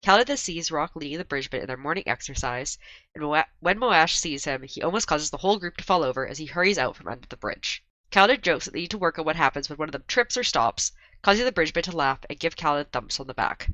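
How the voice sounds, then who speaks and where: A woman's voice: deep voice, animated, fast, sharp tone, no echo, dull audio. A woman hosting a casual book podcast while sick, her voice strained, recapping chapters and chatting with her co-hosts. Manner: reads the recap steadily, with frequent laughs in the banter. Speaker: podcast host.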